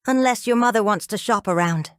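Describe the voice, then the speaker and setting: A woman voicing a calm, steady husband and father in an audiobook. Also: mid-range voice, fairly quick, smooth, dry recording, studio quality, pitched above the performer's own voice, natural voice. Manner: calm, firm. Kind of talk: audiobook character voice.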